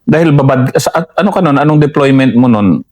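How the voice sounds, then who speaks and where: A man's voice: mid-range voice, animated, fairly quick, a little mellow. This is a man interviewing a soldier about her service. He nudges the story along with short questions and frequent murmured "hmm"s. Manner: prompting, brief murmured acknowledgments. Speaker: retired army colonel hosting interviews.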